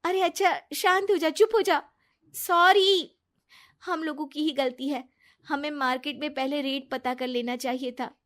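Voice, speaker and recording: A woman voicing a trusting, kind-hearted young wife who speaks earnestly and gently. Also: high-pitched, fairly even intonation, measured pace.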